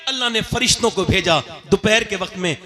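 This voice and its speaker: A man preaches, his voice high and bright. He pleads with a gathering and climbs to impassioned cries in an emotional religious sermon. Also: a little fast.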